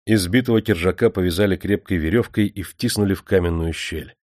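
Brief: male narrator, very low voice, dry close sound, grave and measured. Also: darkish tone, no echo. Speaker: audiobook narrator. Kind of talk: dramatic storytelling narration.

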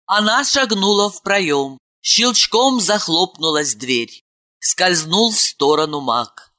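Expressive, slow woman reading a fairy-tale audiobook. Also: lowish voice. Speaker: audiobook reader. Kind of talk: scripted narration.

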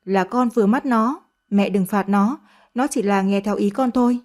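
A woman's voice: mid-range voice, normal speed, darkish tone, natural voice. A woman doing a curt spoiled young master. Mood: defensive. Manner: short, offhand replies.

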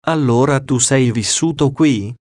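A pious noblewoman questioning a ghost, as a man reading a diary aloud puts her on. She asks earnest, persistent questions at a very slow, measured pace, in a dry, close sound. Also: medium pitch, darkish tone, dry recording, close to an everyday voice.

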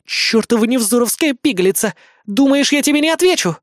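A reader voicing a haughty, tiny female pop idol who holds a general's rank, indignant and quick to snap. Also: mid-range voice, a little mellow, no room sound, studio quality, voice pushed up, close to an everyday voice. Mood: irritated. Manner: snappy, indignant, easily irritated. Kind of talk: audiobook character voice.

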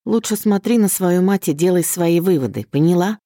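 A woman's voice: fairly low pitch, moderate pace, dark tone, no echo, studio quality, pitched above the performer's own voice, lightly acted. A woman voicing an irritable middle-aged father who speaks curtly, grumbles and mocks. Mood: scornful. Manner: gruff, grumbling and sarcastic.

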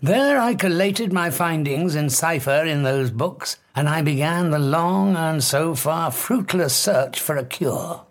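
An actor with a British accent playing a proud, haunted fugitive scientist, theatrical and formal, in an audio drama. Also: male voice, a little high, unhurried, hardly any pauses, lightly acted. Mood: coolly defiant.

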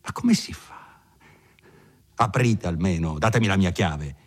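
A man's voice: sits low, expressive, a little slow, breathy edge, exaggerated voice. A man voicing a timid, anxious elderly village priest who pleads and frets, sometimes falling to a whisper. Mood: aggrieved scolding. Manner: pleading, fretful, drops to whispers.

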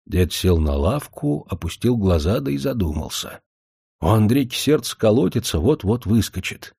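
A man narrates a rural tale in a folksy, expressive way and often drops to a hush. His voice is warm and mellow, and his pitch moves a lot. The recording is close and dry. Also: moderate pace, creaky, breathy edge, no room sound. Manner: hushed, expressive folksy storytelling. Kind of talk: storytelling narration.

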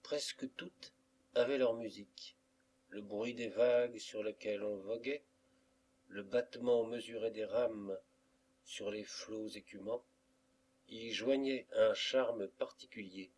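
A man reading a classic novel aloud as an audiobook, in a measured literary way. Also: fairly low pitch, steady tone, a little mellow. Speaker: audiobook reader. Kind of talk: scripted narration of a classic novel.

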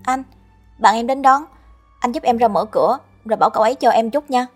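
A woman voicing a young female student with a high, shrill voice, often sobbing in fear. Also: brisk, faint music behind, close to an everyday voice. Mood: eager.

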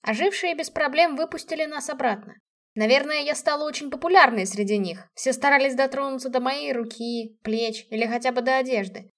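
A woman reads a first-person story aloud with lively expression. Her voice sits fairly high. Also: brisk. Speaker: audiobook narrator.

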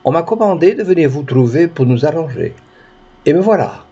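A man voicing a humble, kindly young country housemaid and mother who speaks gently and plainly. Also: on the high side, animated, fairly quick, slightly rough, voice pushed up. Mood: cheerful. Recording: dull lo-fi recording.

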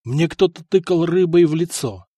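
A burly, brash man, as a male narrator puts him on, gruff and dismissive. The voice sits a bit above average, recorded close and dry. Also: on the high side, animated, moderate pace, warm tone, no echo, pitched above the performer's own voice. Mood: skeptical.

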